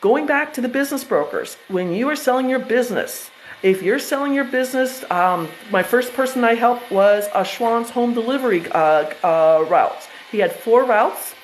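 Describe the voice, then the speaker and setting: A woman's voice: a little high, lively intonation, moderate pace, slight background noise, low-quality recording. Chatty American woman presenting. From United States. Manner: chatty, self-interrupting, with frequent fillers and restarts. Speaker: trust educator presenting to investors. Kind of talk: casual presentation with slides.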